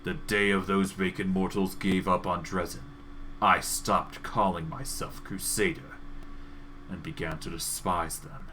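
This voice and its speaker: A man's voice: low-pitched, fairly even intonation, sharp tone, slight background noise, poor audio. A man voicing a proud, scornful old undead lich from a game, with a dry voice and pompous, formal delivery. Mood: bitter, disdainful. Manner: pompous, slow-burning disdain, formal diction. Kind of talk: acted reading of video game dialogue.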